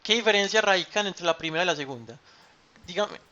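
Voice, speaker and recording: A man's voice: high-pitched, lively intonation, fast, bright, forceful tone. A man teaching an online math class, patient, repeating key terms and checking with "cierto?". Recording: dull lo-fi sound.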